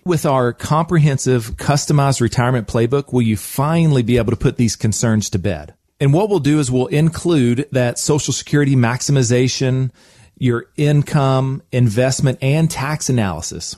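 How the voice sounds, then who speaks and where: A man's voice: mid-range voice, moderate pace, a little mellow, no echo, clean studio sound. A man coaching listeners conversationally as a financial advisor, emphatic and coaxing, often checking in with short tag questions. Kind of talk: conversational advice podcast.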